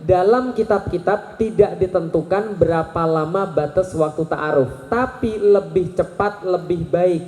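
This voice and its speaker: A man in his thirties giving a lively religious talk to a live audience, questioning the crowd and joking. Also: sits high, unhurried, hardly any pauses. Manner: animated, asks the crowd questions and jokes. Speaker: Islamic preacher. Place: large hall with an audience. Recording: echoey hall recording.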